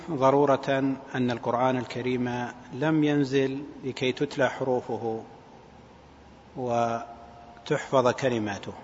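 Man, religious lecture, measured hesitant phrasing, long hall reverb, dull recording. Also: medium pitch, darkish tone. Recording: dull, echoing hall, faint noise.

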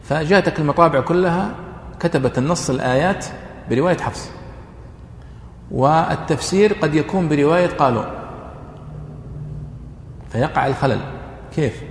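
A man, lecturing students on Quranic readings in an explanatory classroom manner and pausing on drawn-out fillers. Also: on the high side, gravelly. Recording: echoey hall, faint ambient noise.

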